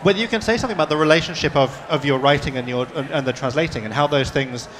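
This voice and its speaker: A man's voice: on the high side, racing, big-room sound, noisy background. A man moderating a panel discussion, asking long questions with many restarts. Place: panel session at a book fair.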